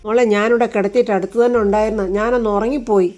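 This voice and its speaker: A woman's voice: fairly high pitch, steady tone, rapid-fire, darkish tone, muffled recording, close to an everyday voice. A woman voicing a frightened servant woman who pleads and cries out in panic. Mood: panicked. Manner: anxious, wailing cries.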